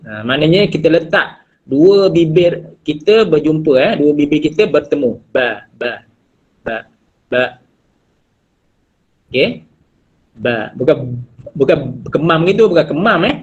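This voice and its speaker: A man with a Malaysian Malay accent teaches over a video call, his voice husky and somewhat breathy. He is patient and drawn out, sounding each letter slowly and repeating it for the class. The audio is dull and lo-fi, as from an online meeting. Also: a little high. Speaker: Quran recitation teacher.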